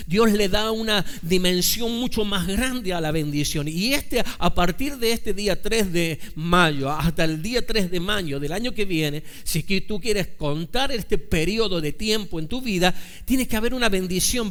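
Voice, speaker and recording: A man preaching a sermon as pastor, talking to his congregation in a conversational way, asking rhetorical questions and slowing down to stress scripture quotes. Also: high-pitched, a bit bright.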